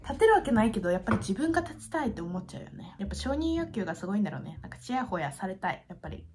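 A woman in her twenties chats casually to camera in an expressive, gushing and self-deprecating way, as a YouTuber in a room at home. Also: mid-range voice, rapid-fire, background noise. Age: 20s. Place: small home room, indoors.

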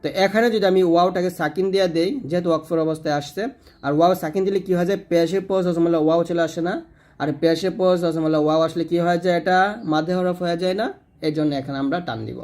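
A man from Bangladesh with a slightly high voice gives a patient spoken lesson on correct recitation. He breaks off his explanations to recite phrases slowly, stretching the vowels. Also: steady tone, a little mellow. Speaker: Quran recitation teacher.

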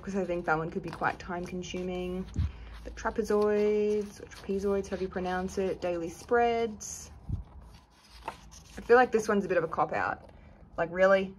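A woman's voice: fairly low pitch, a little hiss or hum. Chatty woman reviewing a notebook. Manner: chatty, frank, hedges opinions. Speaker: planner reviewer. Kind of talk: casual review chat.

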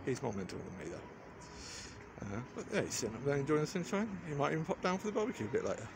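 Speaking fast with big swings in pitch, this forties-aged male vlogger has a mid-range, creaky voice and chats in a wry, understated way. He's rambling casually through a walk-around vlog in a garden, filmed on a handheld phone at arm's length, and background noise is audible.

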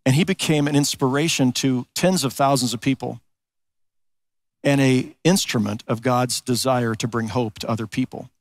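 A man's voice: medium pitch, steady tone, no echo. Earnest man preaching a sermon. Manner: earnest preaching, slows for emphasis, rhetorical questions. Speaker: pastor. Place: large church sanctuary.

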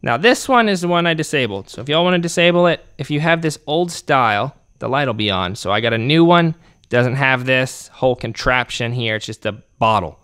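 A man's voice: medium pitch, animated, a little fast, fairly bright tone, smooth. A man hosting a hands-on repair tutorial in a workshop, talking casually while he works. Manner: casual, talks while working with his hands. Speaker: channel host.

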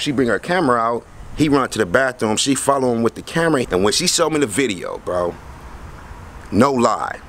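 A young man telling a story casually to a handheld camera in and around his house, slangy and animated, acting out the people he quotes. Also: mid-range voice, a little hiss or hum. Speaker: vlogger. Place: house interior and front porch. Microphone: handheld camera close to face.

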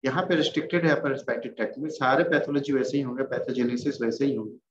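A man's voice: mid-range voice, steady tone, racing. A man with a Bihari Hindi accent giving an informal veterinary pathology lecture, reassuring and repeating key terms. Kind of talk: classroom lecture. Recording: roomy, dull, faintly noisy lecture recording.

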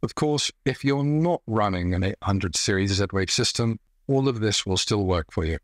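A man in his thirties hosting a scripted tech explainer from a room at home, with a measured, dry-humored delivery. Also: on the low side, lively intonation, no echo. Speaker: tech reviewer host.

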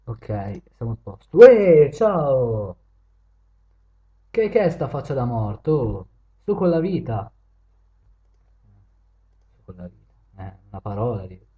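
A man chatting with viewers and strangers on random video chat, joking and teasing, switching from loud greetings to low mutters. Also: very animated, slow pace, pauses often, muffled recording.

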